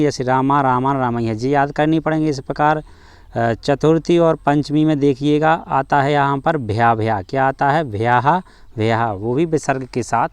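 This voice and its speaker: A man teaching a grammar lesson, leading listeners in slow repeated recitation of word forms. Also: medium pitch, clean tone, dry recording. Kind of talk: slow classroom lesson with chanting drills.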